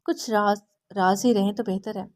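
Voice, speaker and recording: A woman's voice: medium pitch, fairly even intonation, natural voice. A woman doing a smug, scheming young man. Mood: smug teasing.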